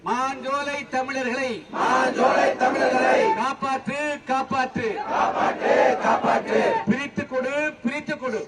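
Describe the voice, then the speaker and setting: A man leading a protest, chanting slogans through a megaphone slowly and repetitively. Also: extremely high pitch, little pitch movement. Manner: slow, repetitive shouted call-and-response chanting. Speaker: protest leader. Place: outdoor street protest. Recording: distant megaphone over loud crowd noise.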